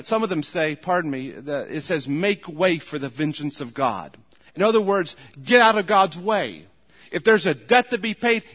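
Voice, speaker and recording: A male pastor preaching a sermon, emphatic and rising to shouts at times. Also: on the high side, in a large hall.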